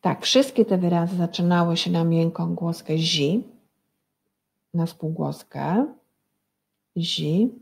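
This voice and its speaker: A woman's voice: fairly low pitch, slow, vocal fry, long pauses, a little mellow. A woman teacher giving a recorded lesson for young children, patiently spelling words out sound by sound and asking the class to repeat after her. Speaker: primary school teacher.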